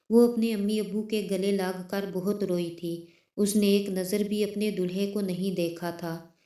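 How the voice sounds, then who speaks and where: A woman storyteller reading a scripted story in a steady, emotive manner. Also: mid-range voice, roomy sound.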